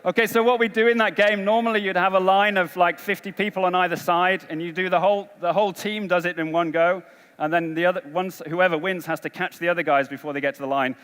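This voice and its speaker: A man's voice: high voice, steady tone, fast talker, a bit bright, clear, resonant tone. A man giving a conference talk, coaxing and rallying a large audience through a game. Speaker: conference speaker. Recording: long hall reverb.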